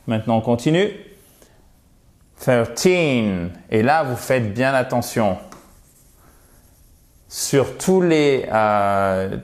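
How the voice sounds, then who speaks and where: A man's voice: medium pitch, animated. A man teaching a pronunciation lesson, repeating words in careful drills and speaking straight to his viewers with a light teasing tone. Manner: slow, drilled repetition with pauses; addresses viewers directly and teasingly. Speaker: English teacher.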